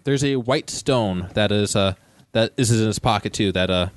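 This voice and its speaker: A man's voice: lowish voice, moderate pace, no echo. A man running a tabletop game as game master, joking and laughing often as he narrates.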